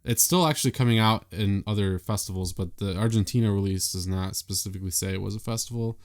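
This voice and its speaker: A man with a somewhat low voice talks through a horror film review in an easygoing podcast chat. He laughs a lot and drops casual swears. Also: fast talker. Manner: laid-back, laughs often, swears casually. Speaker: podcast co-host.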